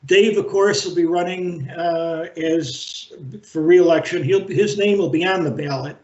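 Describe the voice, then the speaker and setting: A man chairing a library board meeting over a video call, speaking in a halting, measured way with frequent fillers. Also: a little high, a little mellow. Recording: roomy, dull video-call audio.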